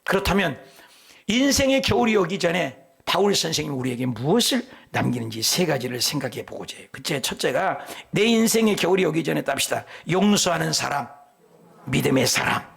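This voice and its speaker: Middle-aged male pastor with a rough, breathy voice and lively pitch, preaching with jokes and sudden whispers. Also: brisk. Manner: animated preaching, drops to whispers for emphasis; tells folksy jokes between scripture points. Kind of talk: sermon.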